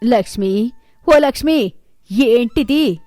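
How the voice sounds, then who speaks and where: A woman voicing a shrill older mother-in-law in an animated story, scolding loudly and harshly. Soft music plays under the voice. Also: slow, dry recording.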